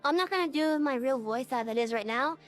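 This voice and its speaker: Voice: high voice, fairly quick, fairly bright tone, faint music behind. A game streamer talking through a real-time voice changer in rambling casual chat, full of fillers and restarts.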